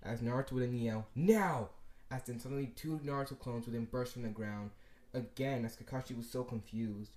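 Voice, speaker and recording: A man's voice: mid-range voice, level tone, a little fast, darkish tone. A young man improvising a fan-fiction story aloud, rambling with fillers and correcting himself as he goes. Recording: echoey room.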